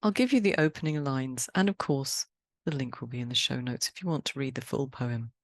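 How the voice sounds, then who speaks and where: A woman from England hosting a poetry podcast, talking in a chatty, brisk, cheerfully emphatic way and interviewing a guest. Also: a bass voice, no echo. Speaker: podcast host.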